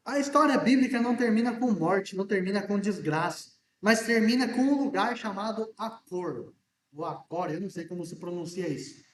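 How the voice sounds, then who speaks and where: A man preaching a sermon as pastor in a church, chatty and joking, asking his congregation questions and talking loudly because he is hard of hearing. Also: high-pitched, animated, brisk, few pauses. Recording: echoey church room from a distance.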